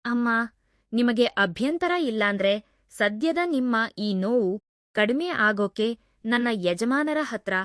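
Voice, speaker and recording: A woman's voice: a little high, lively intonation, slow pace, no room sound, studio quality. A woman voicing a caring young female housemaid who speaks in a soothing, coaxing way. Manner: soothing, pleading.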